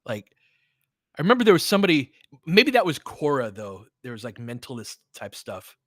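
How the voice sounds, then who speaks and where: An American man does basketball play-by-play for a fan stream, calling the action in a casual, conversational, opinionated style mixed with fan chatter. His mid-range voice is very animated at a normal pace, captured in studio quality with no room sound.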